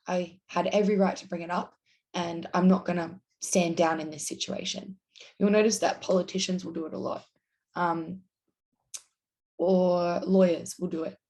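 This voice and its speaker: Brief: young adult woman, self-help vlog host, casual explainer with a slightly low voice, slips into quoted voices. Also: darkish tone. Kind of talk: explaining to camera.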